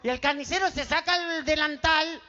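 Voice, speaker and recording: A man's voice: extremely high pitch, normal speed, bright, forceful tone, muffled recording. A man with an Argentine accent doing crude, teasing stand-up on an outdoor festival stage, laughing at his own jokes. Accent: Argentine Spanish. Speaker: stand-up comedian. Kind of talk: live stand-up joke telling.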